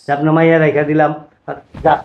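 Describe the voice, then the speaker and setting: Man acting as a stern old father-in-law, high-pitched commanding voice, echoey room. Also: completely flat delivery, quick pace, dull audio, slight background noise, lightly acted. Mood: angry. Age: older. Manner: scolding, commanding, hushes. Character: stern older father-in-law scolding a greedy son-in-law. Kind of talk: web drama acting.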